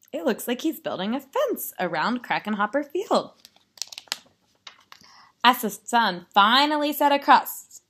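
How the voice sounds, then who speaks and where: A woman reading a picture book aloud, telling it dramatically with hushed, spooky drops. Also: a little high. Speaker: story reader.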